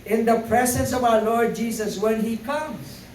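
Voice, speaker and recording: A man's voice: very high-pitched, fairly even intonation, a little slow, slight background noise. A man preaching a sermon, hesitant with many fillers, then building to emphatic repeated phrases. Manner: hesitant with frequent fillers, rising to emphatic repetition. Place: church sanctuary. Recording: echoey room, voice from far off.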